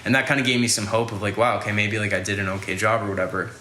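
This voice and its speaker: Young male podcast host, rambling and casual, bright voice in an echoey room. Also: lowish voice, steady tone, very fast, a little hiss or hum. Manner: rambling, lots of "like" fillers and swearing. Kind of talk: casual storytelling.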